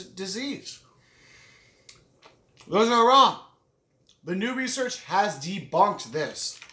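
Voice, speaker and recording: In an echoey room, a man whose voice sits high with a sharp tone talks casually to his vlog as he eats. He speaks with his mouth full, chews between phrases, and rambles with enthusiasm while often correcting himself.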